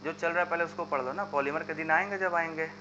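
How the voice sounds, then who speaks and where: A man's voice: on the high side, steady tone, quick pace. A man teaching a live online chemistry lesson, into his talk and urging students to answer in the comments. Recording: dull lo-fi sound with faint hum.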